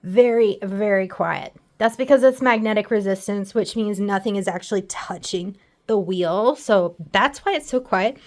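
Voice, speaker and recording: A woman's voice: medium pitch, normal speed, darkish tone. A woman giving a chatty, candid product review while sitting on an exercise bike at home, a little out of breath. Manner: chatty, candid, self-deprecating. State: slightly out of breath from pedaling. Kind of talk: casual product review vlog.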